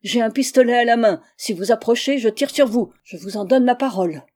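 A woman's voice: mid-range voice, normal speed, close to an everyday voice. A woman doing a frightened, agitated older man. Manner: trembling, agitated shouting.

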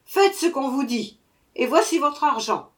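A woman voicing an irascible tiny bearded male dwarf who shouts his demands in a storybook reading. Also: sits high, expressive, unhurried, voice pushed up. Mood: indignant.

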